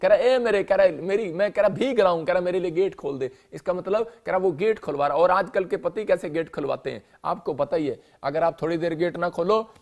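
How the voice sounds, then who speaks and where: A man preaching a sermon in a church, telling a story and acting out the quotes, moving between loud outbursts and soft lines. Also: high-pitched, fairly quick, few pauses.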